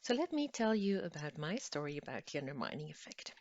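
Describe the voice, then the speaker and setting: A woman's voice: brisk, no echo. Woman from Belgium telling a lesson story. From northern Belgium. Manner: storytelling, acts out dialogue with lively pitch jumps. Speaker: lecturer. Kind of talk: educational talk with personal story. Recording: dull lo-fi dry recording.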